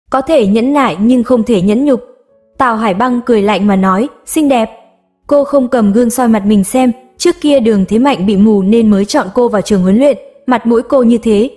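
A woman narrating a romance novel as an audiobook reader, in a steady storytelling way. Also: fairly high pitch. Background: soft background music.

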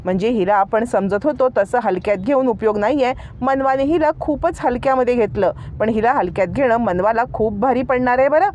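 A woman's voice: on the high side, brisk, hardly any pauses, a little mellow, muffled recording, a little hiss or hum, natural voice. A woman voicing a group of young female friends gossiping in surprise, in a retold serial story. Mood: gossipy.

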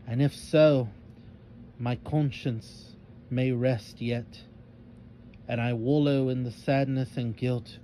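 A mysterious ghostly old man, put on by a male storyteller, speaks in solemn, archaic phrases. His voice stays mellow and unhurried, heavy with regret. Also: medium pitch, a little hiss or hum, lightly acted.

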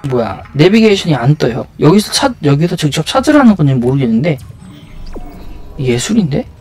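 A man with a fairly high, very lively voice does casual live gameplay commentary. He thinks aloud and mutters to himself as he goes. Game music plays behind him. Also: moderate pace. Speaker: video game streamer.

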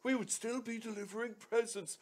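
A man voices a jolly, pompous old Father Christmas in a live radio play reading, speaking fairly quickly with fairly even intonation. His delivery is booming and theatrical, complete with "ho ho ho." He's using a headset mic.

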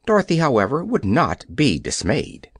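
Expressive male audiobook narrator. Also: medium pitch, moderate pace, slightly rough, dry recording, studio quality. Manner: expressive storytelling. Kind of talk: scripted narration.

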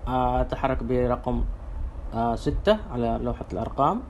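Halting male tutorial presenter, mid-pitched. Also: a little mellow, lo-fi sound, slight background noise. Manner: halting, instructional. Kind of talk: step-by-step spoken software demonstration.

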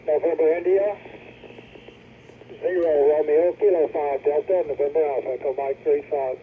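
A man's voice: on the high side, fairly even intonation, moderate pace, narrow, tinny audio. A man, an amateur radio operator, reading out call signs in the phonetic alphabet, heard as a faint radio signal fading in and out through a receiver. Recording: thin radio band with loud static hiss.

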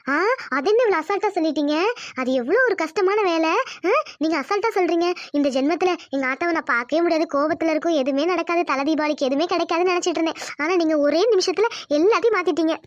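A woman's voice: extremely high pitch, fast, no echo, lo-fi sound. A woman voicing a sweet, coy young village wife, cooing and affectionate in a cartoon.

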